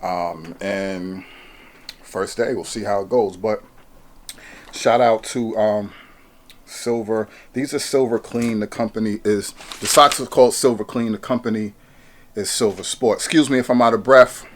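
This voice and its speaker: A man's voice: fairly low pitch, steady tone, measured pace, slight background noise. A man in a casual product review vlog, chatty and hyped, restarting his sentences with lots of ums. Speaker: fitness vlogger reviewing gear.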